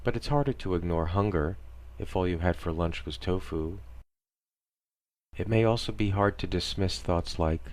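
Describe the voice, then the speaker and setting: In a low voice and at a moderate pace, a man narrates a parody guided meditation. His delivery is deadpan, soothing and instructional.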